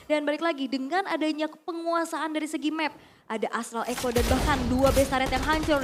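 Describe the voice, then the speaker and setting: A woman's voice: high voice, noisy background. A woman giving live commentary on an esports match as a caster. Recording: music behind the voice. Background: music.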